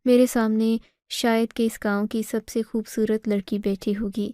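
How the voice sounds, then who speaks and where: A woman storyteller reading a first-person moral story in a steady, even way. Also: a little high, dry recording, clean studio sound. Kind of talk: scripted first-person narration.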